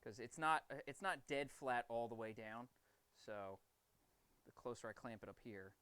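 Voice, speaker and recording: Upbeat bright-voiced man in a forge. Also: mid-range voice, a little slow, clear, resonant tone. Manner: enthusiastic, rambling explanations. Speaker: streamer and knifemaker. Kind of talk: casual livestream talk while working. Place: basement forge.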